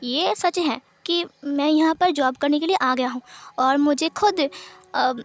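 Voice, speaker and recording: A woman's voice: high-pitched, unhurried, no room sound, faint music behind. A woman voicing a flustered young man who stammers when scared, in a storybook reading. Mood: defiant.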